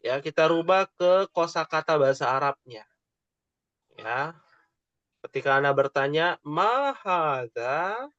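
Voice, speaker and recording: A man teaching an online language class, slowly and patiently modelling phrases for his students to repeat. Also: on the high side, fairly bright tone, dry recording. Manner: slow, patient, drawn-out modelling of Arabic phrases. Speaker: Arabic teacher. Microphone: online call microphone. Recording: dull lo-fi online audio.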